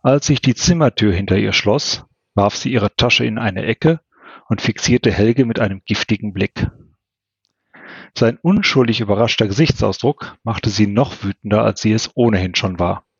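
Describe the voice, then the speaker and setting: Hörbuch-Erzähler, Mann, heiser, trocken aufgenommen. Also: male voice, fairly low pitch, moderate pace, creaky, husky, no room sound, dull audio. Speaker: author reading his own novel. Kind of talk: audiobook narration.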